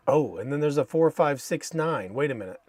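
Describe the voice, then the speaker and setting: An American man hosting a casual live stream, thinking aloud haltingly and saying Spanish names with an American accent. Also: a little high, expressive, a little mellow, no echo. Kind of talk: casual live stream commentary while reading maps.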